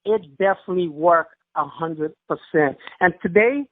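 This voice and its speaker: A man's voice: a little high, normal speed, no echo. A man calling in on a phone line to give a fervent, emotional testimonial, with repeated emphatic phrases. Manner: fervent, repetitive, preacher-like emphasis. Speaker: caller giving a testimonial. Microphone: telephone.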